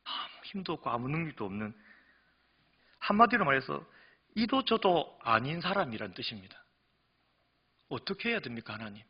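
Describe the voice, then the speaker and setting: A pastor preaching at a midweek service, his delivery swinging between hushed asides and emphatic declarations. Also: medium pitch, sing-song, normal speed, pauses often, husky, dull audio. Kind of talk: sermon. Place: church sanctuary.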